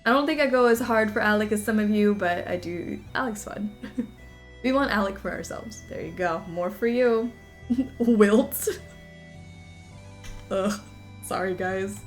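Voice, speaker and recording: A woman streaming a game, chatting casually with viewers, giggling often and apologizing in quick asides. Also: mid-range voice, faint music behind.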